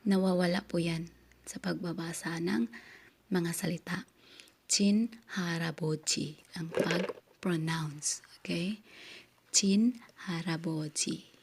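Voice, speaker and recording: A woman's voice: on the low side, darkish tone, husky. A woman whose first language is Korean teaches Korean words in a casual lesson. She mixes Tagalog and English, spells words out syllable by syllable and checks in with "okay?" again and again.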